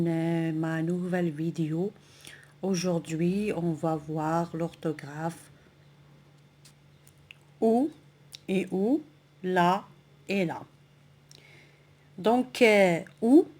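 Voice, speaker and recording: A woman teaching a French grammar lesson, speaking slowly and deliberately, repeating phrases and asking the viewer questions. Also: lowish voice, darkish tone.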